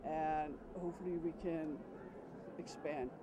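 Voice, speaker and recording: A woman pastor from Hawaii giving informal interview remarks outdoors by a road, speaking slowly and haltingly with fillers. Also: low voice, fairly even intonation. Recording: outdoor traffic noise behind.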